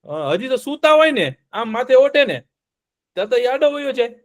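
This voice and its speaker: A high-pitched man tells a story to a group of children. He keeps stopping to ask them questions and then repeats the answers in a playful, lively way. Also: normal speed. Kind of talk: interactive storytelling lesson for children.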